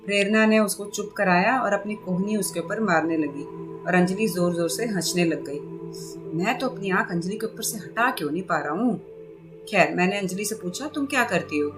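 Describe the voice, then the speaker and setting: A woman's voice: mid-range voice, moderate pace, music in the background. A woman narrating a novel in a conversational tone, making asides to her listeners. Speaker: book reviewer and reader. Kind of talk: storytelling narration.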